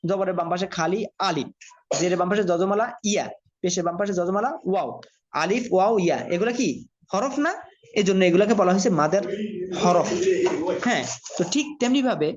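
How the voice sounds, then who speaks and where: A man from Bangladesh, teaching Quran reading by spelling letters one at a time and blending them slowly, asking his learners questions. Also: high voice. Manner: addresses learners directly, asks and answers own questions. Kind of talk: slow spelled-out recitation lesson. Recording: dull lo-fi audio.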